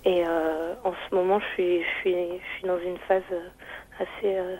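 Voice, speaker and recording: A woman's voice: on the low side, level tone, moderate pace, darkish tone. A woman with a thin, tender, slightly retro voice and rolled R's, answering casually and hesitantly as a radio interview guest. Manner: rolls her R's; hesitant, searching, frequent repetitions. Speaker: singer interviewed as phone-in guest. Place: on a phone call to radio. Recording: band-limited telephone line, dry.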